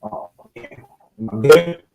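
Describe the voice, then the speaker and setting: A man co-hosting a casual podcast chat over an online call whose audio keeps cutting out, checking whether he is still coming through clearly. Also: measured pace, a little mellow, slight background noise. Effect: choppy online call audio cutting out. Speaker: podcast co-host. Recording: echoey remote stream connection.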